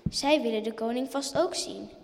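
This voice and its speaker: A woman voicing a small, eager boy mouse in a children's story, squeaky and excited. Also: normal speed, gravelly, big-room sound.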